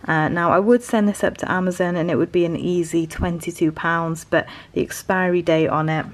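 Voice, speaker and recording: Low-pitched British woman, casual and rambling. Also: fairly even intonation, brisk. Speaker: reseller vlogger. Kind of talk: casual haul commentary.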